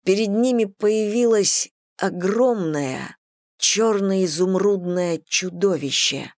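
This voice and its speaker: A woman reading a fantasy story aloud in steady, scripted narration. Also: medium pitch, slow, no room sound, clean studio sound. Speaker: audiobook narrator.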